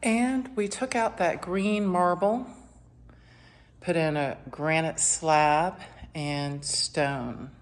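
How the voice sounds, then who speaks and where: A woman narrating an informal house walkthrough in a matter-of-fact way, listing items in short phrases with pauses. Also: fairly low pitch. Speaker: property renovation presenter. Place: inside a house, walking through rooms.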